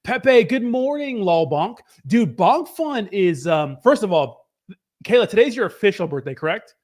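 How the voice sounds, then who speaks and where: A male live stream host with a notably high voice that sounds a little hoarse. He chats casually and upbeat, mixing market news with slangy, informal greetings to his viewers. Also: big pitch swings, moderate pace. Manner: upbeat, informal hype with slangy shout-outs. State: slightly hoarse voice.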